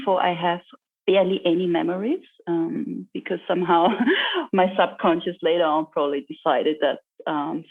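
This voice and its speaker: A woman answering interview questions earnestly, pausing often with ums and uhs. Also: on the low side, gravelly. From Austria. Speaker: guest, social entrepreneur. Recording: tinny phone-like line.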